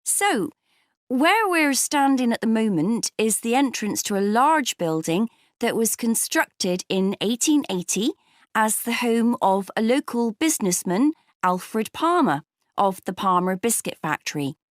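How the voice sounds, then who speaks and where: A woman playing a friendly farming museum guide giving visitors a clear, informative welcome in a scripted exam recording. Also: on the high side, big pitch swings, measured pace, dry recording, studio quality.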